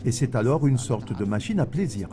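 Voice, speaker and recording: A man voicing an interview guest's answers in a measured, explanatory way. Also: medium pitch, expressive, mellow, faint music behind, natural voice.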